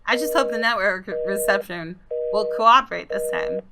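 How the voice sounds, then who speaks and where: The recording is very noisy: a woman gamer with a mid-range voice, at a moderate pace, reads a visual novel's story with expression and chats casually. Faint, soft game music sits in the background.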